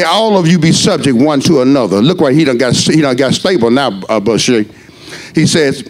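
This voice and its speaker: Shouting preacher man. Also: a little high, creaky. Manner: preaching with rising shouts and drawn-out words. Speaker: pastor. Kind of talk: sermon.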